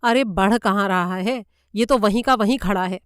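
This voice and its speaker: A woman voicing a worried, excitable male railway director in a story reading, anxious and pleading. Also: medium pitch, normal speed, dry recording, clean studio sound, close to an everyday voice.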